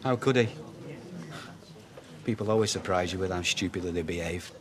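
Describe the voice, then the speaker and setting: A man's voice: low-pitched, moderate pace, crowd noise, natural voice. An actor playing a heartbroken young man, speaking in a bitter, sarcastic way. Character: bitter, heartbroken young man who lost his baby.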